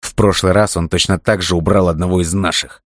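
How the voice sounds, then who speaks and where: A man voicing a hot-tempered young gangster who swears and yells at his friend. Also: deep voice, fairly even intonation, a little fast, dry recording, studio quality, natural voice. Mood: angry.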